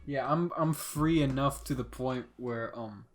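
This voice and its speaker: Young man, podcast co-host, crude deadpan riffs, casual chat, faint music bed. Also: medium pitch, unhurried.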